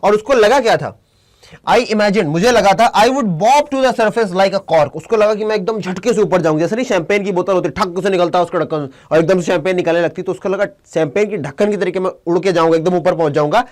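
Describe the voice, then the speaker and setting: A young man, a teacher, reads English lines slowly and explains each one in fast Hindi, with joking asides to his students. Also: high voice.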